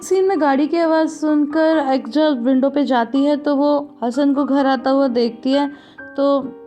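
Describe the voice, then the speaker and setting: A woman narrating and retelling a TV drama episode in a steady storytelling manner, reading out what each character says. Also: high voice, unhurried, soft background music. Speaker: narrator and channel host.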